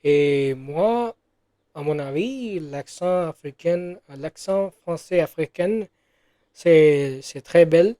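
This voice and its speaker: Slow, hesitant man, dry close sound. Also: on the high side, warm tone, dry recording. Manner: hesitant, many fillers and self-corrections. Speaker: French learner. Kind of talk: casual spoken practice monologue.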